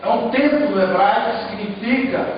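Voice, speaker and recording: A man's voice: high-pitched, moderate pace, slight background noise. A man with a Brazilian Portuguese accent teaching a Hebrew class and explaining step by step, often checking that the students follow. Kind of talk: classroom lecture. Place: church classroom. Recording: muffled, echoey room, distant mic.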